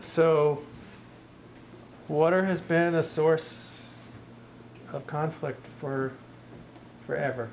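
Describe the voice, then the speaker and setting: A man's voice: a little high, fairly even intonation, very slow, pauses often, a little mellow, a little hiss or hum. A middle-aged man lecturing in a university classroom, answering audience questions in a thoughtful, hedging way with many restarts.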